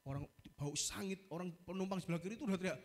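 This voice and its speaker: A male pastor with an East Javanese accent preaches a sermon, telling a story with lively energy and calling out to the congregation again and again. His voice is high and he speaks very fast.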